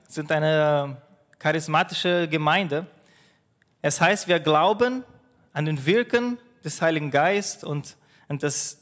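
Preaching as a pastor, a man with Portuguese as his first language speaks in a slightly high, fairly bright voice within a big-sounding room. He keeps stopping and restarting his phrases, filling the gaps with fillers.

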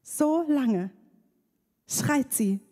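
A woman's voice: sits high, extremely slow. Woman preaching in a reverberant hall. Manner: lively, playful preaching with acted-out voices. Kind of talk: sermon.

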